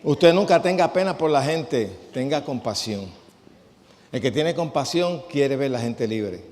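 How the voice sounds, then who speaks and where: A man teaching a sermon, lively and quizzing his congregation. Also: medium pitch, unhurried. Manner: lively, quizzes the congregation, acts out quoted voices. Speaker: preacher teaching a healing class. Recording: long church-hall reverb.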